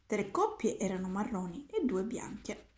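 A woman reading a children's book aloud in a steady, gentle manner. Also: medium pitch, a little slow. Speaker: reader. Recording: roomy echoing room.

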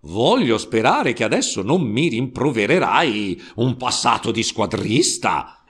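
A solemn, reproving voice of Christ as a man puts him on in a storybook reading. He speaks slowly and gravely, with lively pitch. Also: full character voice. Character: stern but kindly Christ speaking from the cross.

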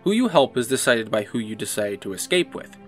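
A man's voice: medium pitch, very animated, brisk, faint music behind. A man narrating a game walkthrough in a casual, explanatory way. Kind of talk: casual gameplay commentary.

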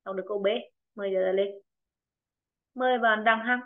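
A woman's voice: mid-range voice, steady tone. Woman teacher, tinny video-call sound. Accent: Vietnamese. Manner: encouraging, repeats words slowly for students. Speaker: English teacher. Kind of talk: online pronunciation lesson.

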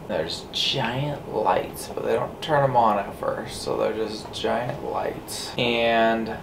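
A man's voice: medium pitch, distant mic. Groggy, loopy post-anesthesia man, echoey room. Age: 30s. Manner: rambling, drifting storytelling. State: groggy and loopy coming out of anesthesia, like after wisdom teeth surgery. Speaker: vlogger and patient. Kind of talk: casual rambling chat. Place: small hospital recovery room. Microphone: handheld camera a short distance away. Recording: echoey room with clear background noise.

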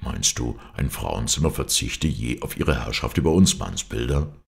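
Male reader doing a grumbling wry friend, very deep gravelly voice, storybook reading. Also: lively intonation, normal speed, full character voice.

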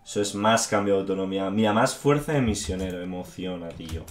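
A man's voice: low voice, brisk, echoey room. Swearing Spanish man in game commentary. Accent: Spain Spanish. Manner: frustrated, swears a lot, says "tío". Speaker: gaming YouTuber. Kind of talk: gameplay commentary.

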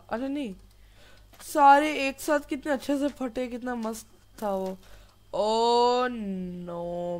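A man's voice: sits high, darkish tone, slight background noise. A man giving casual gameplay commentary, chatty and apologetic, mixing English words into his talk. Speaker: gameplay youtuber.

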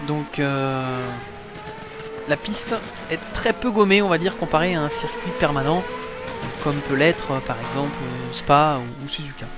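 A man's voice: fairly high pitch, measured pace, over music. A man giving live motorsport commentary on a sim race, explaining things to the viewers. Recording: clear background engine noise. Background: race car engines.

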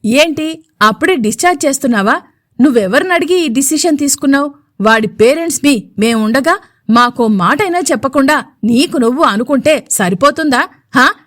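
Rich: A domineering middle-aged mother, as a woman reads her lines, scolding in a raised, fairly high voice with a hissing edge. The recording is close and dry. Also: moderate pace, dry recording, lightly acted. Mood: furious.

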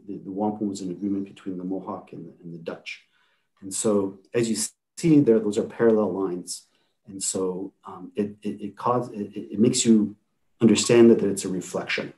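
A man gives a slide talk to a panel over a video call. His voice sits on the low side and sounds mellow and dark. He talks haltingly, stumbling over repeated words and fillers as he works through each point. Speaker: panel speaker.

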